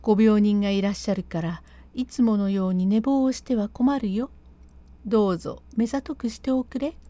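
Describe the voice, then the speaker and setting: Lady reading as a kind young wife of the house, soft mellow voice, fussing over a sick guest. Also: medium pitch, fairly even intonation, normal speed, dry recording, close to an everyday voice. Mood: caring. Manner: refined gentle instructions in old Edo speech. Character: gentle young mistress of a samurai-era house, caring.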